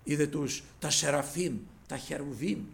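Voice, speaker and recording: Addressing the congregation as brothers, a preacher retells scripture in grand old wording, moving from loud cries down to hushed remarks. His voice is a little high and carries vocal fry.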